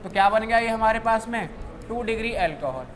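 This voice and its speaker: A young man teaching a chemistry class who keeps asking questions and answering them himself, dropping low on each answer. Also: lively intonation, brisk, fairly bright tone. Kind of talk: classroom lecture. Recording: faint background noise.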